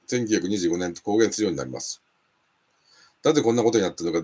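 A man reading a nonfiction history book aloud in a steady, measured way, now and then stumbling and restarting a word. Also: on the low side.

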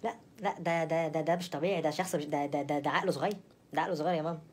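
A woman's voice: sits low, steady tone, racing, a little mellow, slight background noise. A young woman with an Egyptian accent performing a comic phone-call sketch, sounding exasperated and repeating herself over and over. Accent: Egyptian Arabic.

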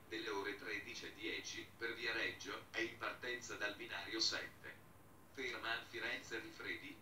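This is a formal train station announcement from a man whose voice sits on the low side. He speaks flatly and deliberately, breaking names into distinct segments, while the distant, bright, reverberant PA picks up the surrounding station ambience.

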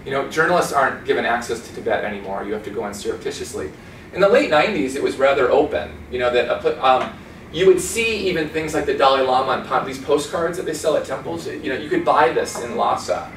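Quick-paced and medium-pitched, a man in his forties tells stories during a chatty, informal slide talk, gesturing a lot and mimicking accents and voices. He's in a small conference room, recorded by a far camera with roomy sound and slight background noise.

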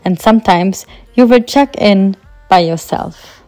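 A woman narrating a travel vlog in a calm, explanatory scripted voice-over. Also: mid-range voice, measured pace, faint music behind.

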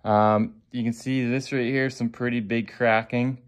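Recorded on the phone he carries around, a real estate agent casually shows an old stone basement. He speaks at medium pitch and a measured pace, keeping it plain and easygoing, with fillers as he muses aloud.

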